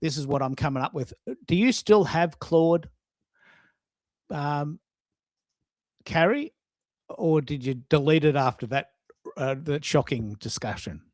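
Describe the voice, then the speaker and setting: A man with a fairly high-pitched voice hosts a casual live audio show. The sound is dry, with no room echo. He thinks aloud, stumbles and repeats phrases while speaking to his listeners. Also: a little mellow. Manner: halting, repeats himself, talks to listeners.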